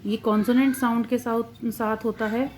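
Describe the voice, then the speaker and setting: A woman teaching a grammar lesson in a patient, classroom manner, stretching out each example word so its sound is plain. Her voice is mellow and dark. A faint hiss sits under the recording. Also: fairly high pitch, little pitch movement. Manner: slow, drawn-out example words with stress on sounds.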